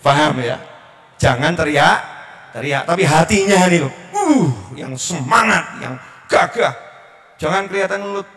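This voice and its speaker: A man with a Javanese accent preaching a sermon, swinging between loud shouted calls and hushed asides. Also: fairly high pitch, normal speed, pauses often.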